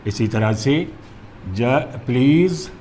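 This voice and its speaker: A man's voice: mid-range voice, animated, normal speed, a little hiss or hum. A male teacher explaining a grammar lesson, methodical and going through examples step by step.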